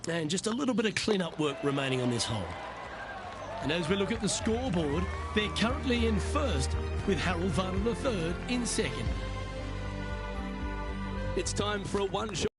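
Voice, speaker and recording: A man voicing a measured, appreciative golf commentator in a video game, calling play as the lead announcer. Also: high-pitched, animated. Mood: measured, engaged. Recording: game music and crowd behind the voice.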